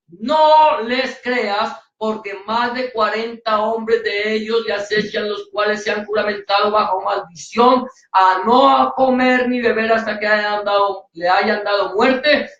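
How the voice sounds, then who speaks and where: An impassioned male pastor preaches, now and then mimicking the churchgoers he describes. His voice is very high and bright. It comes from a distance in an echoey church hall, with a dull sound. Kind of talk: sermon.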